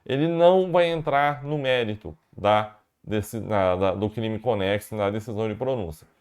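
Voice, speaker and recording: A man's voice: fairly low pitch, a little mellow, clear, resonant tone. Man teaching law, repeating points. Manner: explanatory, repeats key points slowly for emphasis. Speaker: law professor. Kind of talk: recorded lecture.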